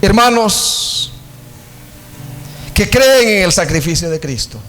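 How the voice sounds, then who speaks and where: A man's voice: sits high, unhurried, faint music behind. A male pastor with a Salvadoran Spanish accent, preaching and telling a story, stretching out key words for emphasis. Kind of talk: sermon with storytelling.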